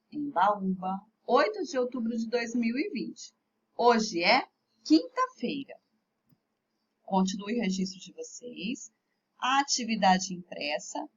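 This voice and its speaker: A woman teacher with a Brazilian Portuguese accent gives a remote lesson to young pupils, speaking slowly and carefully sounding out each word. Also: on the high side, dull audio, a little hiss or hum. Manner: slow, clearly articulated, spelling out words for children. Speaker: primary school teacher.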